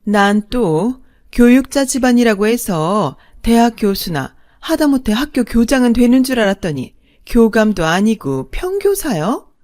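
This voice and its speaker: Woman doing a snobbish mistress, high-pitched, loud, haughty, mocking, storybook villain. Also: very animated, unhurried, hardly any pauses. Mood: sneering. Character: snobbish sneering middle-aged mistress, greedy.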